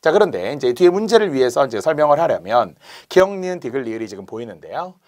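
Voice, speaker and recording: Lively-voiced man lecturing for exam prep. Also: mid-range voice. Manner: explanatory, spells out letters and sounds slowly, marks steps with "자,". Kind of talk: exam answer explanation lecture.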